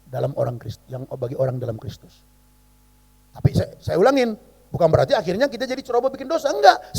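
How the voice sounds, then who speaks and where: Gravelly-voiced man preaching a sermon. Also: fairly high pitch, mellow, long reverb tail. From Indonesia. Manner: storytelling, acting out both sides of a dialogue. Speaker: pastor.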